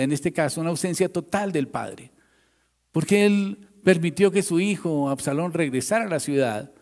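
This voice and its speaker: A male pastor preaching a sermon in a church. He tells the story dramatically, swinging from loud, raised lines to hushed ones. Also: a little high, big-room sound.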